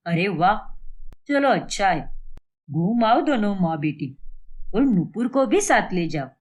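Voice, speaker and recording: A woman voicing a kindly older father-in-law in a cartoon story, calm and reasoning. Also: medium pitch, slow. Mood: gentle.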